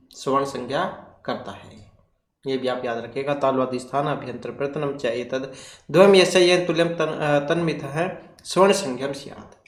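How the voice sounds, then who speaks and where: A man teaching an exam-prep grammar lesson, asking questions and answering them himself. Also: fairly high pitch. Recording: echoey room.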